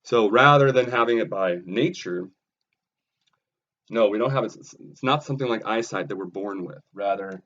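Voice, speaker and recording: A man's voice: fairly low pitch, moderate pace, a bit bright, highs cut off. A man lecturing on philosophy in a recorded video lesson, earnest and emphatic, often checking in with "right?" and "okay?".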